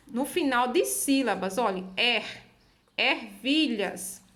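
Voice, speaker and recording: A woman teacher patiently walking young pupils through a textbook exercise, repeating words and stretching them out slowly so the children can follow. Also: a little high, a bit bright.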